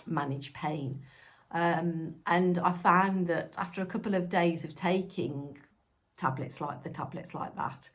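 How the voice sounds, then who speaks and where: A woman in her fifties talking to camera in a chatty, reflective way, with ums, her voice still recovering after an illness. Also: on the low side. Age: 50s. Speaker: lifestyle vlogger. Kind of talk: casual direct-to-camera talk.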